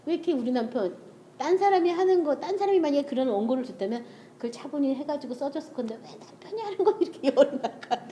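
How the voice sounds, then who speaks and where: Brief: middle-aged woman, church testimony talk, warm mellow tone, lively storyteller, faint room noise. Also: high voice, quick pace, lo-fi sound. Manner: animated storytelling, acting out family dialogue, frequent laughter. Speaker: church speaker sharing testimony. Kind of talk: testimony-style sermon talk.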